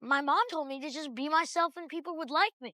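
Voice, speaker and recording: A woman's voice: high voice, fairly quick, sharp tone, no echo, clean studio sound, pitched above the performer's own voice. A woman voicing an earnest young woman at a birthday party, who talks in a chirpy way and is eager to please.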